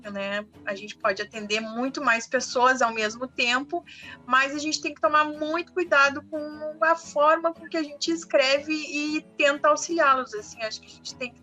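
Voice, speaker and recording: A woman from southern Brazil, a school monitor explaining her work in a casual online live interview, lively, with frequent tag questions. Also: high-pitched. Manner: animated, explanatory, speaks in short bursts with frequent tag questions.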